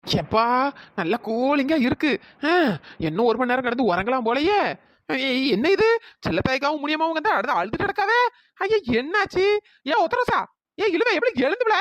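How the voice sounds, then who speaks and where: A woman's voice: high-pitched, lively intonation, moderate pace, dry recording. A woman doing a cheeky, lazy village woman. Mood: teasing. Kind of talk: cartoon voice acting.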